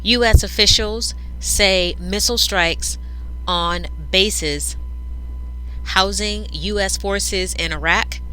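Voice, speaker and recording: Bright-voiced news reader dictating copy. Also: medium pitch, slight background noise, rough recording. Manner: dictating, says punctuation and paragraph breaks aloud. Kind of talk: dictating news script aloud with spoken punctuation.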